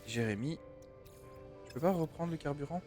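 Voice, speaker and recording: A man's voice: fairly high pitch, normal speed, a little mellow, soft background music. A young man streaming a game from home, chatting loosely and rambling as he answers his chat. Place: home room.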